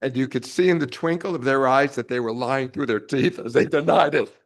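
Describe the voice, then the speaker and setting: A man in his sixties giving an emotional, wry eulogy for his mother at a funeral service. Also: mid-range voice. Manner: emotional, wry, measured delivery. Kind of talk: memorial eulogy.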